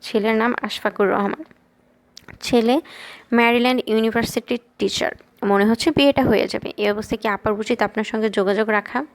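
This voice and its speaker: A woman's voice: a little high, fairly even intonation, brisk, lightly acted. A woman reading the lines of a frank, questioning teenage girl in an audiobook. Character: blunt teenage girl, sharp and protective.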